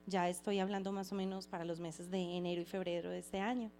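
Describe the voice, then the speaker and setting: A woman giving a heartfelt personal faith testimony, reflective and halting, often restarting her phrases. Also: lowish voice, level tone, darkish tone, soft background music. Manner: earnest and heartfelt.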